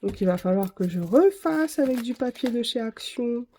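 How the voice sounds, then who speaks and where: Woman, casual vlogger, mellow warm tone, rambling, self-correcting, chatty. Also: on the high side, expressive, moderate pace, slight background noise. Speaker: craft vlogger. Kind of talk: casual chat to camera.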